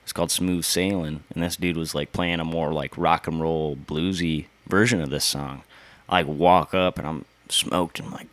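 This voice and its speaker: A man's voice: very deep voice, fairly even intonation, moderate pace, a bit bright, no room sound. A man from Iowa, a guest in a studio chat, telling stories in a laid-back, slangy way with frequent laughs. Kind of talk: casual chat.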